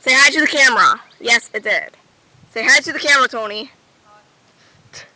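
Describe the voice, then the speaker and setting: A woman's voice: high voice, lively intonation, moderate pace, sharp tone, poor audio. A woman filming a home video outdoors on a goat farm, chatting casually and cooing baby talk at the animals, captured on an old camcorder. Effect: old camcorder audio with faint hiss.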